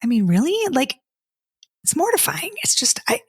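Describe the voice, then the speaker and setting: In her solo podcast, a fifty-something woman who works as a dating coach reads out listener comments before responding, sounding chatty and exasperated and tripping over restarts. Her high, husky voice swoops wildly in pitch at a moderate pace. It's studio quality with no echo.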